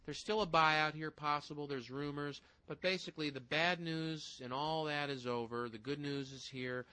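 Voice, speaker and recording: A man co-hosting a casual financial talk show, rattling through stock figures in a brisk, folksy way. His voice is bright and forceful. The sound is dry and close-miked. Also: on the high side, fairly even intonation, no echo, rough recording. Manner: brisk, folksy, numbers-heavy, addresses listeners directly. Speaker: stock-picking co-host.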